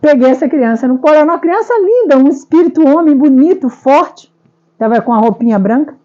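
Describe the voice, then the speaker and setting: A woman's voice: high voice, animated, fairly quick, dark tone, lo-fi sound. A woman with a Brazilian Portuguese accent giving an emotional first-person testimony, rambling and repeating herself with frequent tag questions. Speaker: speaker sharing a personal testimony.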